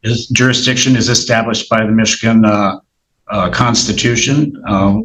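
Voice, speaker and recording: Firm, halting male judge. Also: lowish voice, fairly even intonation, fairly bright tone, rough recording. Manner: firm, halting, repeats himself. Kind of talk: courtroom proceedings.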